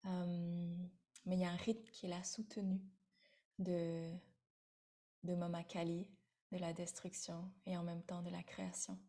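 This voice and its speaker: A woman in her thirties, originally from Vietnam, leads a spiritual sharing circle in an unhurried, meditative way. Her voice is soft and dark in tone, and her pitch stays level and even. She hesitates often and repeats words as she searches for them. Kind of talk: spiritual talk to an online audience.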